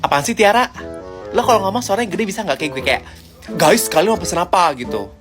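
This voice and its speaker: A woman playing a pick-me schoolgirl who shows off a fake deep, gruff voice. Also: animated, quick pace, music in the background, natural voice. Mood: showing off. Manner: put-on deep gruff voice, showing off.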